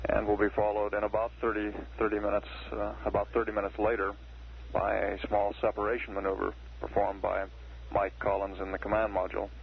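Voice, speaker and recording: A dull archival radio broadcast carries a man announcing mission status. His voice is gravelly and very flat, measured and matter-of-fact. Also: on the low side, a little hiss or hum. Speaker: mission control public affairs announcer. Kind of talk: factual spaceflight status commentary.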